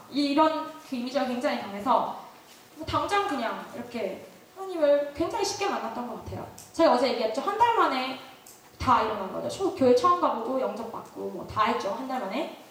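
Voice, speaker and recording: A young woman giving a sermon, telling a personal story with laughter and questions to the listeners. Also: high-pitched. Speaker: speaker. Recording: very echoey hall, distant mic.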